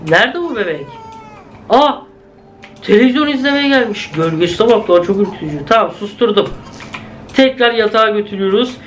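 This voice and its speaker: A high-pitched young man narrates a game as he plays, chatty and jumpy, often calling out to his viewers. Faint room noise sits behind his voice. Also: lively intonation, fairly quick, long pauses, fairly bright tone. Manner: chatty, jumpy, exclaims at scares, talks to viewers. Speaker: gaming video host. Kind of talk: casual let's-play commentary.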